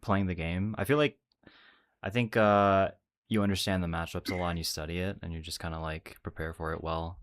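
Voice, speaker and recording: A man with a deep voice conducts a casual interview. He speaks conversationally, as in an informal chat. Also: fairly even intonation, a little fast.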